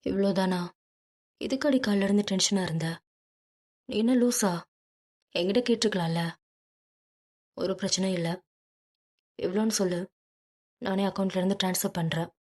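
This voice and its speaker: A woman's voice: medium pitch, normal speed, pauses often, a little mellow, lightly acted. A woman voicing a possessive, hot-tempered rich young man in an audiobook, speaking bluntly and insistently. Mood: teasing, offhand. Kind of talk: audiobook character reading.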